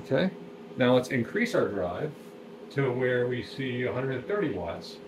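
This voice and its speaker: Speaking off camera in a small workshop, a man who builds amplifiers demonstrates his gear in a relaxed, plain-spoken way full of ums. His mid-range voice swings widely in pitch and moves a little slowly over some background noise.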